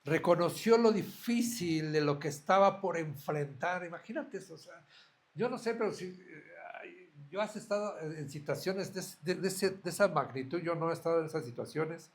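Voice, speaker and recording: Earnest pastor, rather high voice. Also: male voice, moderate pace. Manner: earnest preaching with rhetorical questions to the listener. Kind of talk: sermon.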